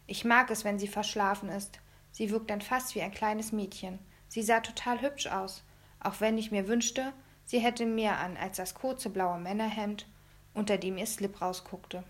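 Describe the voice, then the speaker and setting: A woman reading a first-person children's story aloud in a lively storytelling manner. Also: mid-range voice, unhurried. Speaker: audiobook reader.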